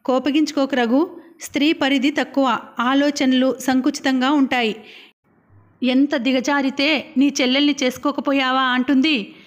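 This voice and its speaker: Lady reading a calm grown woman, gentle advice, high voice. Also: normal speed, natural voice.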